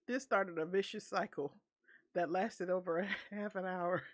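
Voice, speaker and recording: A woman's voice: on the low side, steady tone, a little slow. A woman streamer reading an online story aloud with her own commentary, laughing often between lines. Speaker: VTuber streamer.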